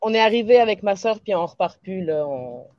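A woman from France with a French accent, calling in to a podcast over a video call, playful and quick to laugh. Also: medium pitch, lively intonation, a little mellow, no room sound, lo-fi sound. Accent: French from France with Québécois touches. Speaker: caller. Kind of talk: casual call-in chat.

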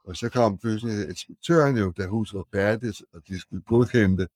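An older man, a retired architect, telling anecdotes as a podcast guest in a halting, word-searching way. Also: lowish voice, a little mellow, no room sound.

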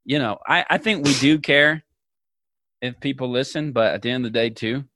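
Bright, teasing podcast co-host. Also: male voice, mid-range voice, normal speed, no room sound. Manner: playful teasing, mock hype-man delivery. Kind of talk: casual chat.

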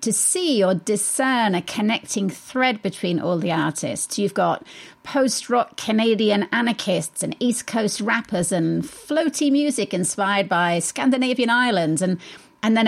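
Woman, radio host, gravelly edge, curious questions. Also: medium pitch. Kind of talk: radio interview.

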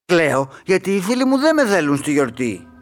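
A man's voice: high voice, sing-song, faint music behind. A man voicing a shy, sad little onion in a children's audio story, talking timidly and plaintively. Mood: tearful.

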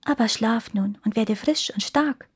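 A woman voicing a kind, gentle female nightingale who speaks softly and tenderly in a fairy tale. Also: fairly high pitch, unhurried, husky. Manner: soft, tender, consoling.

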